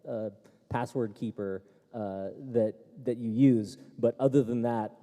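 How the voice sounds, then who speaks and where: A tech expert on a seminar panel answers questions in a relaxed way, with lots of fillers and restarts. His medium-pitched voice is mellow and unhurried. The hall is echoey.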